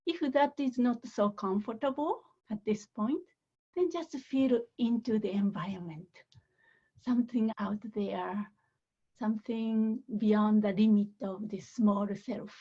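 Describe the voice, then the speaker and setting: A woman meditation teacher guides a meditation softly and gently, pausing often. Her mid-range voice is breathy and frequently close to a whisper, and the sound is lo-fi.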